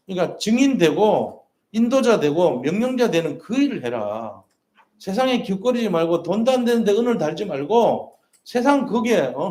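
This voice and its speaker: A man's voice: sits high, darkish tone. A male pastor preaching a sermon in a church, earnest and repeating his key points with rhetorical questions. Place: church sanctuary. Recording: roomy church echo.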